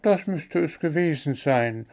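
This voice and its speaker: A man's voice: on the high side, animated, measured pace, darkish tone, pitched above the performer's own voice. A man voicing a cheeky, greedy little blue male bird that pesters for sweets. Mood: demanding. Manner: demanding, sweet-toothed, pestering.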